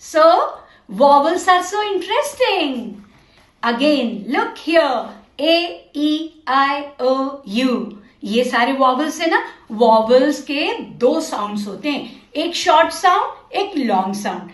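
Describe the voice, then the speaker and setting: A woman's voice: high-pitched, animated, slow, reverberant. A woman teaching a children's literacy lesson, patient and encouraging, slipping between Hindi and English.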